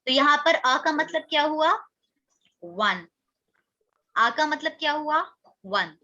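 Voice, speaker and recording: A woman's voice: sits high, animated, slow pace, bright, forceful tone, lo-fi sound. A woman teaching an English grammar lesson, questioning her students and repeating their answers.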